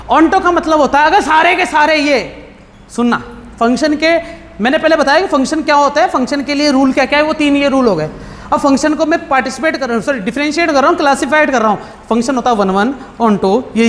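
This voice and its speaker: A man's voice: very high voice, a bit bright. A male math teacher giving a casual classroom lecture, asking his students questions and answering them bluntly. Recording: hall reverb with faint background noise.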